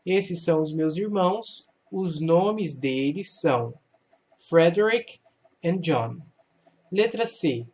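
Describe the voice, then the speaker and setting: A man with a fairly high voice walks students through an English grammar lesson. He talks slowly and patiently. He poses a question, then answers it himself. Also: lively intonation, a little mellow. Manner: patient, explains slowly, asks and answers his own questions. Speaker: English teacher.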